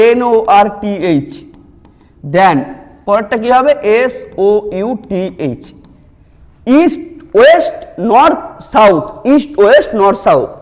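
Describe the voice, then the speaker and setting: High-voiced male teacher solving puzzles. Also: a little mellow. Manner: asks questions, then answers them himself. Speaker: exam prep teacher. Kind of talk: explaining reasoning questions.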